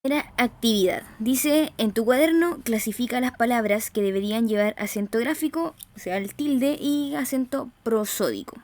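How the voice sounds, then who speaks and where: A woman teacher with a Chilean accent giving a recorded grammar lesson, slowly stressing syllables and often checking in with her students. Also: on the high side, a little mellow. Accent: Chilean Spanish. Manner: slow, emphatic stressing of syllables, frequent "¿cierto?" checks.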